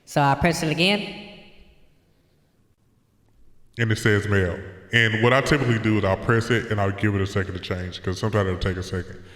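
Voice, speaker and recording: A man's voice: lowish voice, fairly quick, long pauses, a bit bright, roomy sound, in a large hall. A man's voice morphed by a voice changer. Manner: talks the viewer through each setting as he presses it. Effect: voice changer shifting his voice through female, male, baby and robot presets. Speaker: home musician demonstrating a microphone. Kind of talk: casual product demonstration.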